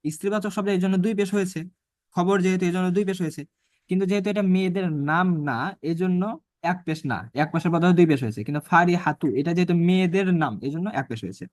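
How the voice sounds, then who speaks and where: High-voiced man teaching Arabic. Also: dry recording, studio quality. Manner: repeats phrases and asks rhetorical questions; reads Arabic phrases slowly and deliberately. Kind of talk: online Arabic grammar class.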